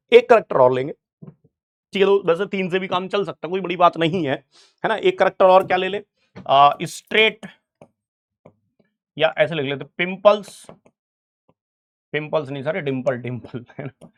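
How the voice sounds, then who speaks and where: A young man teaches biology in an online exam-prep lecture. His voice sits slightly high for a man. He talks in a chatty, informal way and keeps checking in with his students. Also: moderate pace, pauses often. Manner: chatty, keeps asking "right, sir?" to students.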